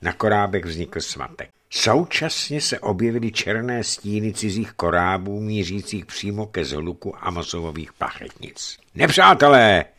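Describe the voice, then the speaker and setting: A man narrating an adventure story in a measured, dramatic reading voice. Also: on the low side, a bit bright. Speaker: audiobook reader.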